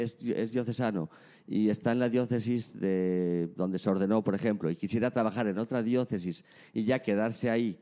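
Spanish-accented priest, low mellow voice. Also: male voice. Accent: Spanish, from León. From Spain. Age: 40s. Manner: explanatory, matter-of-fact. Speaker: diocesan priest, guest. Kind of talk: casual interview.

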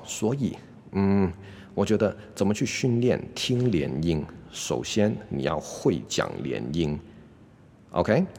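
A man giving a casual English lesson, constantly checking in with a quick "OK?" and slowly sounding out example phrases. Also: sits low, a little mellow, breathy edge, in a large hall. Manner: demonstrates English pronunciation slowly. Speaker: English teacher. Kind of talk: casual YouTube language lesson.

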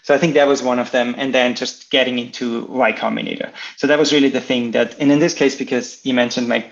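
A man's voice: medium pitch, fairly even intonation, fast talker, gravelly. A man from Austria, a startup founder, answering interview questions in a chatty, casual way. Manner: chatty, lots of "like" fillers. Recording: dull lo-fi audio.

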